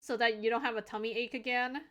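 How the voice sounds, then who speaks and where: A woman's voice: on the high side, fairly even intonation, quick pace, fairly bright tone, dull audio. A young adult woman hosting a live stream, chatting casually and teasing, laughing often. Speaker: livestream host.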